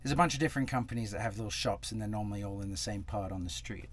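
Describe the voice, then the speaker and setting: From the cab of a parked truck, a young travel vlogger rambles casually to the camera, his talk packed with fillers and restarts. His voice is on the low side, and he races through his words.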